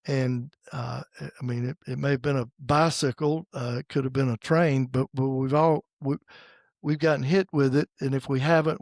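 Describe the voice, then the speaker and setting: A man in his sixties from the United States, hosting a podcast in a casual faith conversation and pausing often with fillers and restarts. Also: mid-range voice, darkish tone, no room sound, studio quality. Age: 60s. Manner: halting, with many fillers and restarts. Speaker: podcast host.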